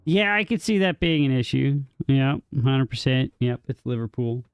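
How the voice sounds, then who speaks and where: An expressive man of medium pitch and normal speed streams a game live, chatting casually and rambling as he answers chat with many ums and restarts. His voice is clear and resonant with no room sound, and soft music plays in the background.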